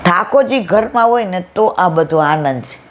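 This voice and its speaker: A woman's voice: on the low side, lively intonation, moderate pace, slight background noise. An older woman giving a devotional satsang discourse, telling stories and acting out family anecdotes. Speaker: devotional speaker.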